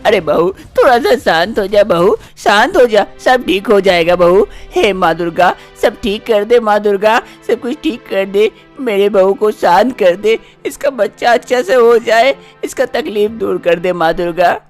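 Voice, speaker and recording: A woman's voice: medium pitch, expressive, measured pace, few pauses, faint music behind, natural voice. Lady doing a pushy old mother-in-law, nagging and insistent, voice bouncing up and down, taking her time. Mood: flustered. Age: older. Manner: scolding, insistent, repeats "bahu". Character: scheming older mother-in-law craving a grandson.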